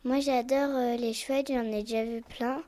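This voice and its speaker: A woman's voice: on the high side, fairly even intonation, moderate pace, mellow. A schoolgirl earnestly reading her prepared answers aloud. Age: child. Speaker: schoolchild correspondent.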